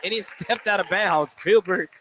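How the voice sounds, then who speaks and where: This play-by-play announcer has a high voice and keeps a moderate pace while narrating live basketball for radio. He follows every play in running detail from an indoor high school gym, and the broadcast picks up plenty of gym noise.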